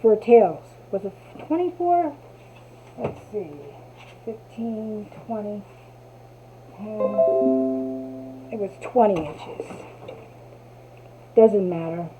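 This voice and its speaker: Over background music and thin, phone-like audio, a craft tutorial host from New Jersey talks to herself while she works, showing a craft in a relaxed, chatty way. She has a Jersey accent and a mid-range voice with lively intonation, speaking extremely slowly and pausing often.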